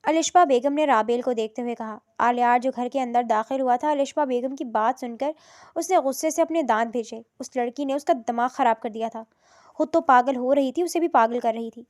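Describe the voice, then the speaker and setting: A woman narrating a romantic novel in a steady, scripted storytelling read. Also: fairly high pitch.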